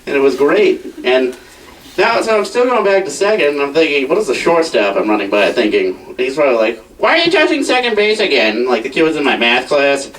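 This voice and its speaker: Young male comic, lively rambling delivery, self-deprecating, recorded from across a room. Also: medium pitch, fairly quick. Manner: rambling, self-mocking, full of "like". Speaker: stand-up comedian. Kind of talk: stand-up storytelling at a house party. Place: crowded house party. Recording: distant mic, faint noise.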